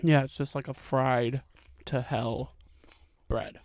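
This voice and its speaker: A young man co-hosting a podcast, trading quick teasing quips in casual chat. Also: medium pitch, steady tone, a little mellow, no room sound. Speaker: podcast co-host. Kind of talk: casual chat over a meal.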